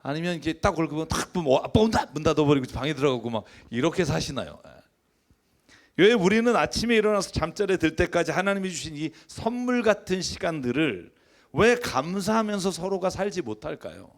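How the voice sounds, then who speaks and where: A man's voice: a little high, expressive, a little fast. A male pastor preaching a conversational sermon who acts out family conversations as he goes.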